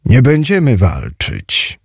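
A man voicing a gloomy, sorrowful giant who guards a treasure, speaking in a slow, mournful, drawn-out way in an audiobook. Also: medium pitch, huge pitch swings, creaky, husky, dry recording, clean studio sound, pitched above the performer's own voice, heavily acted. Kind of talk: audiobook character voice.

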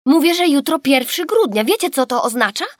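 A woman reading an audiobook voices an excitable young girl who keeps insisting she be heard. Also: sits high, brisk, dry recording, clean studio sound, voice pushed up. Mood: insistent. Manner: bright, insistent, exclaiming.

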